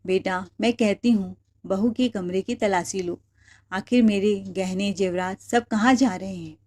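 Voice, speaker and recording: A woman's voice: medium pitch, unhurried, a little mellow, close to an everyday voice. Woman doing a bossy old mother-in-law, complaining and insistent, storybook style. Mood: accusing. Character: elderly mother-in-law, accusing and tearful.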